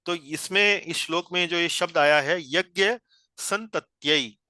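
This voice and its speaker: A man's voice: fairly high pitch, steady tone, normal speed, sharp tone, clear, resonant tone, no echo. A man teaching a scripture study class over a video call, explaining each point patiently and repeating phrases as he guides a reader.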